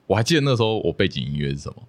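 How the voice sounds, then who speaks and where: A man's voice: deep voice, racing. A man with a Taiwanese Mandarin accent, chatting on a podcast and telling a story with lots of laughter. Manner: animated storytelling, laughs often. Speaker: podcast co-host. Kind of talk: casual chat.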